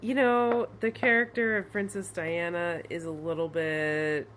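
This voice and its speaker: A woman's voice: lowish voice, steady tone, unhurried, noisy background. A woman as a podcast guest in casual chat, making dry joking asides and laughing easily.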